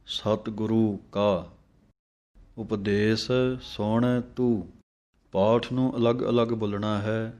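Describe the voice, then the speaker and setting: Low flat male voice, recitation teacher, chants phrases slow then corrects them quick. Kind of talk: line-by-line recitation lesson.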